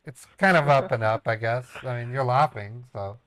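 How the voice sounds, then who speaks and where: A man chatting casually as a caller, in a halting, naive-sounding way, often repeating himself. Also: medium pitch, fairly bright tone, no echo. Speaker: prank caller baiting a phone scammer. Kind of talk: casual phone chat.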